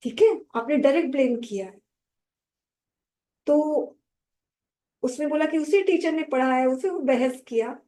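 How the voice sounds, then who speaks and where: A woman with a fairly high voice explains grammar to students in a lecture. She switches between Hindi and English and voices the people in her stories as she goes. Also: a little slow, pauses often, dark tone. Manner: mixes Hindi and English, acts out quoted dialogue. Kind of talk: classroom lecture with personal stories.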